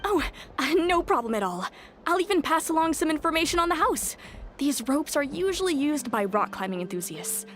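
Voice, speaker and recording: A woman voicing a lively, easily surprised young shopkeeper in a video game. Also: high voice, moderate pace. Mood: chirpy. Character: cheerful young woman selling climbing rope.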